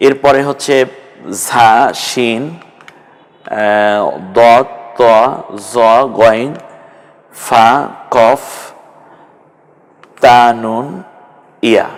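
A man's voice: mid-range voice, steady tone, clear, resonant tone. Bengali man teaching Arabic letters, reverberant. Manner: patient, drills letters one by one, models pronunciation slowly. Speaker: Quran teacher. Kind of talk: online Arabic letter lesson. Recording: long hall reverb.

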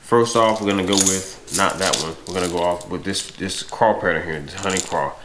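Talking a little fast in a low voice over background noise, a fishing vlogger, an American man in his thirties, addresses the camera casually from his dining room with large windows. He's congested from a cold, sounding stuffy and nasal, with frequent throat clearing.

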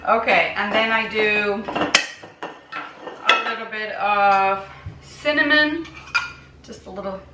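A woman's voice: medium pitch, takes it slowly, pauses often, loud music behind the voice. A woman vlogger chatting and rambling as she shows a recipe in her home kitchen. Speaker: raw vegan recipe vlogger. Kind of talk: casual kitchen demo. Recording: echoey kitchen, mic at a distance.

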